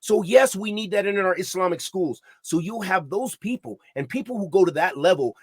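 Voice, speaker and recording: A podcast co-host with a fairly high male voice speaks emphatically, almost preaching, in an impassioned discussion. He often restarts sentences, sprinkles in Arabic religious terms, and gets louder and higher as he heats up. The sound is dry and close-miked.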